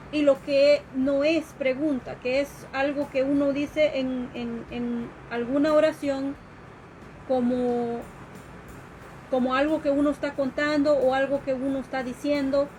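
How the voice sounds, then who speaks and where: A woman educator with a high voice lectures at an unhurried pace during a live stream. She explains patiently, pausing on fillers and restarting her sentences. A faint hiss of background noise runs under her voice. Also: dark tone, poor audio. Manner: explanatory, with fillers and restarts, acts out quoted questions. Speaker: educator giving a talk.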